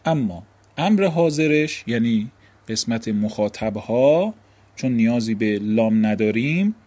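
A man's voice: medium pitch, lively intonation, darkish tone. A man teaching an Arabic grammar lesson, explaining step by step and asking and answering his own questions.

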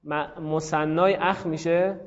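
A man's voice: fairly high pitch, fairly even intonation, in a large hall, dull audio, a little hiss or hum. A man teaching a grammar class, calling on students by name and thinking aloud. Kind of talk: classroom lesson on Arabic grammar.

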